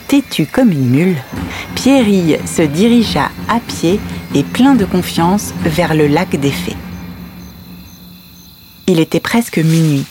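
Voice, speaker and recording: A tender, patient mother , acted by a woman, tells a bedtime fairy tale in an audio story. Her voice is slightly low and very unhurried, over soft music. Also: lively intonation. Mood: hushed wonder.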